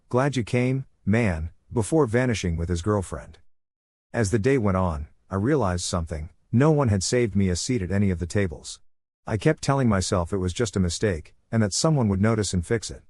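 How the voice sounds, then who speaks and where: A man narrating a first-person story in a steady, even way with dry asides. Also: lowish voice, dry recording.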